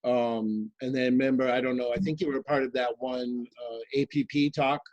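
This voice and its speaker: A man joins a group video call to ask the host a detailed question. His voice sits in a middle pitch and he speaks in a measured, careful way. The sound is dry, with no room echo. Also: level tone, a little mellow, dull audio. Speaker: participant asking questions. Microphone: video call mic.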